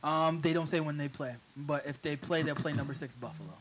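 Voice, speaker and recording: A man in a casual group chat, talking haltingly with restarts as he reads out sports news. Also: a little high, steady tone, fairly bright tone, slight background noise, poor audio. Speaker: co-host.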